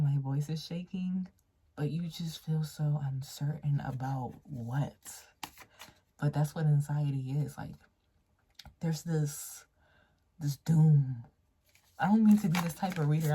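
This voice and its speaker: A woman in her late twenties giving a casual tarot reading to camera, chatty and playful, laughing often and talking straight to the viewer in a very quiet room. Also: medium pitch, slightly rough. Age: late 20s. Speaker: tarot reader.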